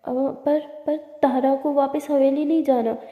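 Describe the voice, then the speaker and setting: A woman voicing a bold, worried young woman who questions fast and anxiously, in a storybook reading, recorded in a roomy space with a long reverb. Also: sits high, steady tone, phone-quality sound. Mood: earnest.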